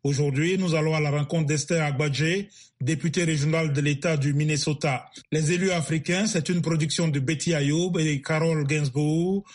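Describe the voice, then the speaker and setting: A man's voice: fairly high pitch, fairly even intonation, normal speed. A man presenting a news program in a formal, scripted announcer delivery. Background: music bed.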